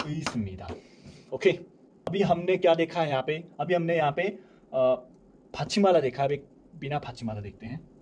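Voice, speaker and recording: Man teaching step by step, slightly high voice. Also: animated, darkish tone. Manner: repeats examples slowly, asks and answers own questions. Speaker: language teacher. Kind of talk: explaining grammar step by step.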